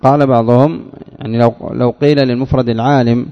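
A man with a gravelly, creaky voice gives a measured grammar lesson and repeats key phrases to his students. His voice carries a long hall reverb, and the recording sounds dull and lo-fi. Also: mid-range voice, fairly even intonation. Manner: measured, repeats phrases to drive points home. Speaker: teacher. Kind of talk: grammar lesson explaining a text.

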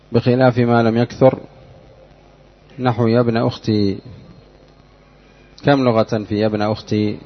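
A man teaching an Arabic grammar lesson in a measured, explanatory way, drilling his students with repeated questions. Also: on the low side. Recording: dull lo-fi lecture recording.

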